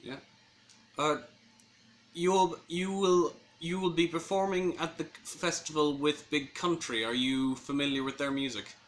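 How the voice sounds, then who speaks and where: Bright-voiced male interviewer. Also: fairly high pitch, steady tone, a little slow, a little hiss or hum. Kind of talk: casual interview questions.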